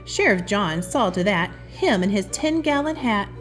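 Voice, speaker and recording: A woman reads a picture book aloud with animation at a normal speed, her mid-range voice set against background music. As a children's storybook reader and host, she adds fond, chatty asides and calls the listener sweetheart.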